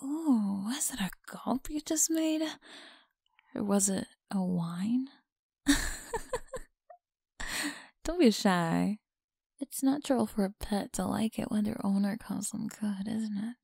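A young woman's slow, mocking, breathy whisper sits near the mic as she heavily acts out a possessive, teasing school bully in ASMR roleplay. Her medium-pitched voice sounds mellow, and there's no echo.

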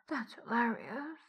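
A woman giving a whispered audio roleplay in a soft, teasing whisper as the dominant partner. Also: a little high, breathy edge.

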